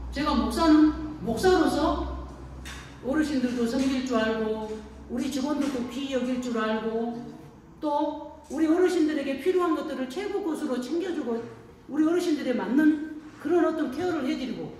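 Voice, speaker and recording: A woman pastor with a preaches to elderly listeners in a folksy, storytelling way and keeps asking them questions. Her voice sits a little high. She sounds distant, in a very echoey room with faint noise behind her. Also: normal speed, darkish tone. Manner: folksy storytelling, frequent call-and-response questions. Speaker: pastor at an elder care center. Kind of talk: sermon to elderly congregation.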